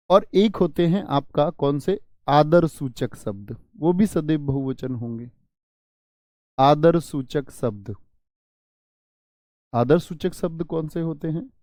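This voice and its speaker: A male teacher giving an exam-prep grammar lesson, stressing and repeating example words in a drawn-out way. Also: on the high side, warm tone, no echo, studio quality.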